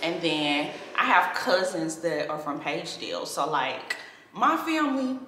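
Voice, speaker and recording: A woman in her thirties with a St. Louis American accent and a slightly low voice chats to camera in a slangy, playful way. She sounds like a vlogger recording in a reverberant room, with clear noise around her voice. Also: animated, measured pace. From St. Louis, Missouri, USA. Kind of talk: casual chat to camera. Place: small indoor living room, seated on sofa.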